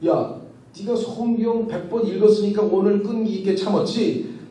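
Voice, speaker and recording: God, low and fatherly, as a preacher puts Him on. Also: normal speed, dark tone, natural voice. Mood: gently scolding. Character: God speaking gently to a man, firm and fatherly. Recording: echoey hall from far off.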